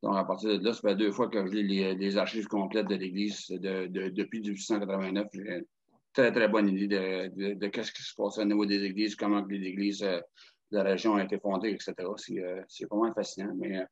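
A man's voice: low voice, level tone, a little fast, lo-fi sound. A man, a webinar participant talking casually, hesitant with many restarts, over a video call. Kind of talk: casual chat.

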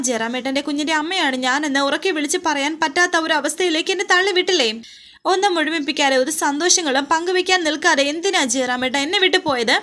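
Brief: grieving widow, read by a woman, anguished pleading questions, bright tone. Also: high-pitched.

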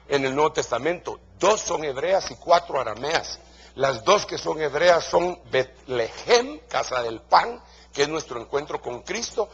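A man's voice: a little high, vocal fry, a bit bright, breathy edge. A man preaching a sermon to pastors in a Guatemalan Spanish accent, stressing his points by repeating key phrases.

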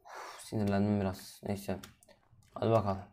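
A man doing solo gameplay commentary, chatting to viewers, drifting from low mumbling into sudden loud exasperated outbursts and curses. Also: level tone, moderate pace, a little hiss or hum. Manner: cursing, exasperated asides to viewers. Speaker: gaming video host.

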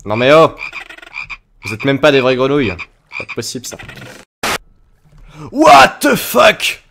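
A young man giving playful let's play commentary on a game, often breaking into high, panicked shouts. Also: fairly quick, a little hiss or hum. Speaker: gaming video host.

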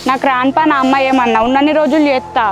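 A woman's voice: sits high, steady tone, quick pace, over music, natural voice. A woman with a Telangana accent playing a young village daughter who comforts her mother and talks back to her sister-in-law. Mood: retorting. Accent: Telangana Telugu. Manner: soothing, then firmly retorting.

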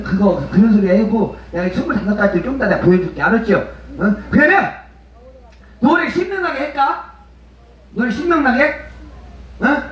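Man, street entertainer, bawdy crowd banter, outdoor festival, loud echo, distant mic. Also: sits high. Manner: teasing, brash, calls listeners mother and father. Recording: heavy echo, voice from far off.

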